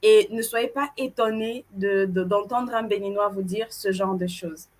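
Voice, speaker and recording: A woman from Cameroon co-hosting a live event, telling stories to the audience in a playful, animated way. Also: mid-range voice, unhurried. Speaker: event co-host. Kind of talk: casual presenting to an audience.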